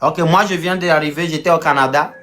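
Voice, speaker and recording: A man as a guest on a casual live chat, talking loudly and insistently. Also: fairly high pitch, steady tone, fairly quick. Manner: loud, insistent.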